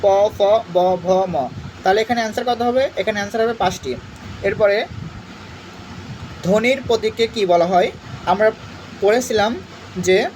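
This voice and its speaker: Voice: medium pitch, darkish tone, slight background noise, low-quality recording. Young tutor explaining MCQ answers. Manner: reads options aloud, then explains and repeats the answer. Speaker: exam tutor. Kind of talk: exam-prep MCQ lesson.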